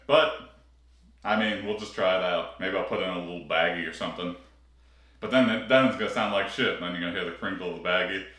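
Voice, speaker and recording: A man's voice: low-pitched, bright, forceful tone. A man in a big echoey room, talking casually through a workout and coaching himself as he counts his reps on a clip-on mic. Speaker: fitness streamer. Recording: echoey room, heard from a distance.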